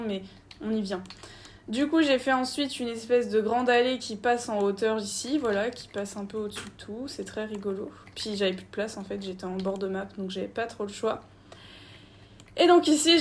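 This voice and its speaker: A woman's voice: fairly high pitch, slight background noise. A woman giving casual, chatty gameplay commentary while touring her park, talking straight to her viewers. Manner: chatty, easygoing, talks to viewers directly.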